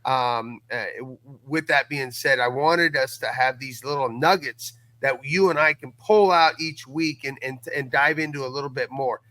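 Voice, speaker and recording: Speaking at normal speed with few pauses, this podcast guest, who co-created an audio drama, has a bright, forceful, medium-pitched voice. He talks casually and emphatically, full of enthusiasm, often stumbling and repeating himself. The recording is rough but has no echo.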